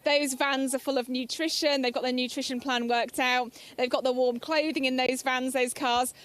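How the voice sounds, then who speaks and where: A woman's voice: high-pitched, fairly even intonation, normal speed, fairly bright tone, clear, resonant tone. A woman reporting live from an outdoor race aid station, chatty and upbeat, laughing often. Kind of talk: live trackside commentary.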